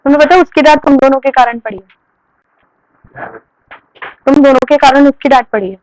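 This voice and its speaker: A woman's voice: high voice, fairly quick, a little mellow, rough recording. A young woman teaching a commerce class. She asks questions and answers them herself, and she firmly scolds students who disrupt the lesson. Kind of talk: classroom lecture.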